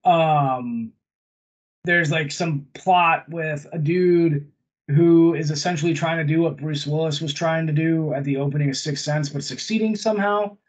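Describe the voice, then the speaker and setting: A man's voice: fairly high pitch, a little slow, rough recording. A man co-hosting a casual film review chat over a video call, recapping plots in a meandering way with many fillers. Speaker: podcast co-host reviewing films.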